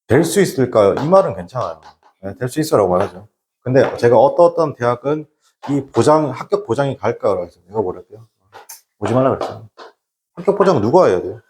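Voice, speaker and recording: A man's voice: medium pitch, a little mellow, a little hiss or hum. A man lecturing a class on exam English, blunt and scolding, who keeps throwing rhetorical questions at his students. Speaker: English lecturer for transfer exams.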